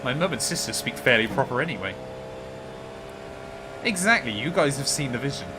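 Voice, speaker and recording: Male racing streamer, thick West Country English, casual banter, engine noise clearly behind. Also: mid-range voice, animated, brisk. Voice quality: thick regional accent. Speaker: streamer and endurance sim racer. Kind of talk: casual chat while sim racing on a livestream. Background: car engine noise from racing game.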